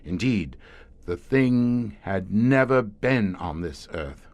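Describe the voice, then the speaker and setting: The actor plays a seasoned, grim scientist in charge of a hidden monster-hunting unit for an audio horror drama, speaking as a deliberate, erudite and brooding storyteller. His lowish male voice is animated, and the mood is grave and brooding.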